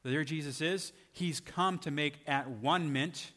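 A man's voice: mid-range voice, normal speed, a bit bright. A man preaching a sermon in a conversational way, often asking his listeners rhetorical questions. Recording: long hall reverb.

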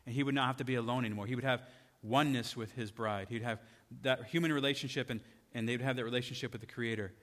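A man's voice: mid-range voice, steady tone, fast, hardly any pauses, a bit bright. A man preaching a sermon in a conversational way, often asking his listeners rhetorical questions. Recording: long hall reverb.

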